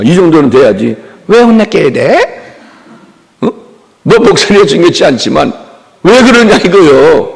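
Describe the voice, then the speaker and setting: Gravelly man preaching a revival sermon. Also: sits high. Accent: Korean. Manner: call-and-response preaching with mimicry. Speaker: pastor. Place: church sanctuary. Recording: long reverb of a church hall.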